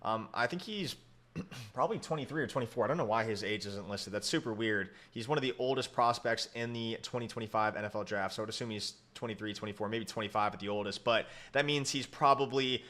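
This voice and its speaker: A man's voice: fairly low pitch, fast talker, sharp tone. A young man with hiccups giving casual, rambling commentary on a football mock draft, often correcting himself. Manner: rambling, self-correcting, lots of fillers. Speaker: sports YouTuber.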